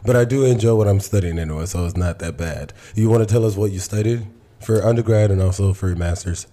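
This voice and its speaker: A man with a hoarse voice hosting a podcast in a conversational style. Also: fairly low pitch, fast talker, dark tone. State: hoarse voice from inflamed sinuses. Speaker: podcast host.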